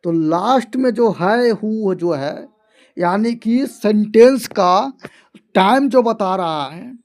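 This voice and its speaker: A man gives an online grammar lesson at an unhurried, deliberate pace. He circles back over every point, repeating key terms. He reads his example sentences out slowly, word by word. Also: high voice, animated, a little mellow. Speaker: English grammar teacher.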